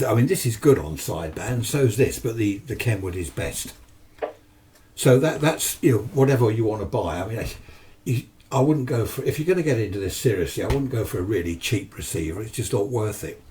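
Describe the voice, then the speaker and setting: A British man with a fairly low, mellow voice speaks animatedly at a normal speed. As an amateur radio enthusiast, he gives a casual, unplanned talk that is chatty, rambling and matter-of-fact. It was recorded in his home radio shack indoors, on a distant mic with a noisy background.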